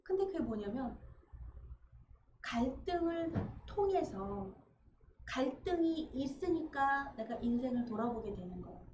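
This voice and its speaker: A woman pastor preaching a sermon in an animated way, acting out quoted conversations. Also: high-pitched, unhurried, long pauses. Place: church sanctuary. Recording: echoey church room, dull sound, faint noise.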